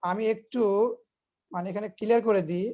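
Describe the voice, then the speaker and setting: A man's voice: sits high, fairly even intonation, normal speed, darkish tone. A man teaching English grammar in an online class, explaining patiently, repeating his points, quizzing students and mixing English words into his talk.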